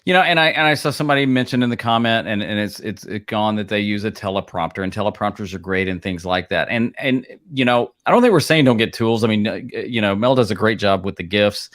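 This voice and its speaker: A man's voice: on the low side, quick pace, few pauses, a bit bright. Rambling man co-hosting a streaming show. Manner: rambling, many restarts and fillers. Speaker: live streaming co-host. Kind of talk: casual chat.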